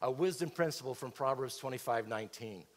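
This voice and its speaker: Middle-aged pastor preaching in a hall. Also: male voice, mid-range voice, brisk. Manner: expository preaching with rhetorical questions, pacing the stage. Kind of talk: sermon. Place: large church auditorium stage. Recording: reverberant church hall.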